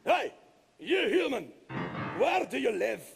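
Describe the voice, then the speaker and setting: A man voicing a huge, blustering, boastful male giant ogre who shouts and stammers when flustered. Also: very high-pitched, sing-song, slow, creaky, voice pushed up, heavily acted. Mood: demanding. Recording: live stage with music.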